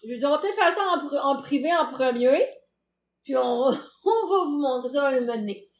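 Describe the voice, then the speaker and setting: Chatty high-voiced woman with Québécois accent. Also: lively intonation, moderate pace, echoey room. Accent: Québécois French. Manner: chatty and playful, laughs often. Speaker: livestream host chatting with viewers. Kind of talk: casual live chat.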